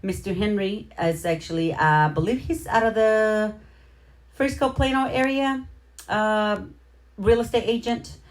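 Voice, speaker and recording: A middle-aged woman with a mid-range voice hosts a casual livestream, talking a little slowly. She speaks to her viewers directly in informal slang and gives them shout-outs.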